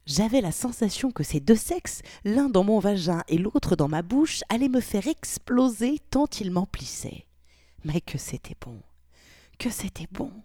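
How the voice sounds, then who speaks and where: A woman narrates an erotic audio story in an intimate tone that sometimes drops to a breathy whisper. Her voice is low and mellow. It is recorded close and dry. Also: no echo.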